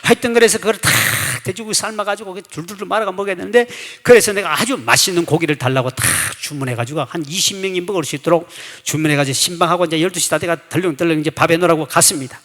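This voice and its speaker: A middle-aged male pastor preaching a revival sermon, folksy and humorous, telling anecdotes and bursting into shouts for emphasis. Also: sits high, fast, hardly any pauses. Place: church sanctuary. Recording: echoey church hall.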